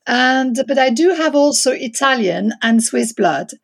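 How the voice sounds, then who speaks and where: A middle-aged Frenchwoman, appearing as an interior designer guest, answers interview questions with a French accent, hesitating and hunting for English words. Her voice sits high, with lively intonation and a measured pace.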